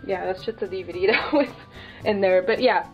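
A woman's voice: mid-range voice, brisk, faint music behind. Female vlogger, Dutch accent, informal rambling chat, mid-range voice, lo-fi handheld recording. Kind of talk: casual chat, showing a haul. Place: small bedroom, indoors. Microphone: handheld camera's built-in mic. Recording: muffled lo-fi handheld camera sound.

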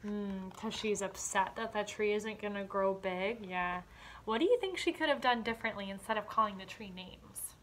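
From a small room at home, a young woman leads a kindergarten lesson, explaining plainly and asking questions as if the children respond. A device camera a step or two away captures her medium-pitched voice at normal speed, with slight background noise.

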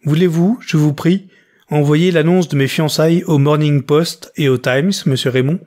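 A man's voice: a little high, fairly even intonation, normal speed, a little mellow, lightly acted. A man doing a headstrong young woman. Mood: earnest. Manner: firm, decided.

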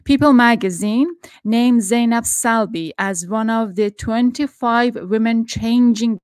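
A woman's voice: fairly high pitch, a little slow, clear, resonant tone, dry recording. A middle-aged woman from Iran hosting an interview over a video call from her home study, speaking earnestly with frequent restarts. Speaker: podcast host. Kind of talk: interview introduction and questions. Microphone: studio microphone with headphones on video call.

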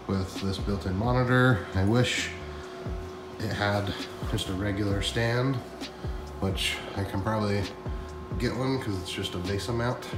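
A print shop owner and vlogger in his thirties, with a lowish voice, walks through his large shop with its concrete floor, excitedly chatting as he shows viewers a new machine in a casual vlog. The room echoes, and background music plays over the recording.

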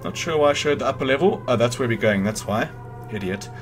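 Hosting a video game guide, this gamer speaks quickly and expressively at a medium pitch. His walkthrough commentary is loose and informal, full of thinking aloud and self-corrections, with the game's music and sounds in the background.

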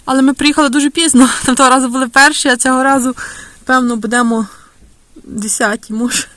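A woman's voice: sits high, fairly even intonation, quick pace, fairly bright tone, no echo. Chatty woman vlogger. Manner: chatty, often addresses viewers as friends. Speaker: village vlogger. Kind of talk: casual travel vlog. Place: in a car and outdoors in a village.

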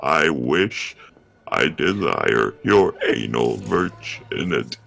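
A calm, deep-voiced home computer speaks in a slow, drawn-out, flat robotic way, as a man puts it on. The tone is gravelly and very low, sinking well below his usual voice, and it stays creepy and insistent. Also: exaggerated voice. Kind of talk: live stream banter.

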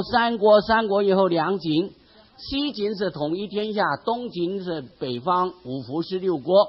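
A man, a Buddhist monk, giving a dharma lecture, telling stories in a drawn-out way and often trailing off with soft particles. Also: sits high, slightly rough. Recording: dull lo-fi lecture recording.

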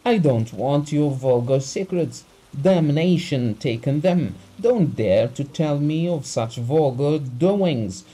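A man voicing an indignant country doctor who shouts back in anger in an audiobook. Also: on the high side, animated, slow pace, few pauses, breathy edge, voice pushed up, full character voice, low-quality recording. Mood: furious. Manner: angry, clipped, rapping out words.

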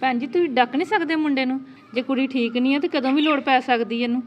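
A woman's voice: high-pitched, fast talker, dull audio, faint music behind, close to an everyday voice. A woman playing an outspoken aunt who lectures the family, firm and preachy in an amateur family drama. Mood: stern.

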